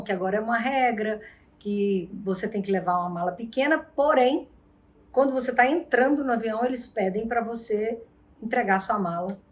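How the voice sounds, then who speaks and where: A woman hosting a vlog and giving advice on arguments, telling stories with lively acted-out quotes. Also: medium pitch. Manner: animated storyteller, acts out quotes. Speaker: vlog host and relationship advisor. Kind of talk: casual advice talk.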